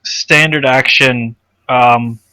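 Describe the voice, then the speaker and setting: A man plays a tabletop game and drops wry, offhand quips. His voice is bright and forward, with a mid-range pitch. The sound is dry, with no room echo. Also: fairly even intonation, drawn-out words, clear, resonant tone. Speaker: player. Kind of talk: casual tabletop game play.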